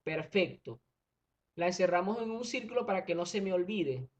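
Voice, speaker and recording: A man's voice: high voice, lively intonation, normal speed. A male primary school teacher giving a recorded online grammar lesson, explaining patiently step by step and often checking that students follow. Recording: dull lo-fi recording.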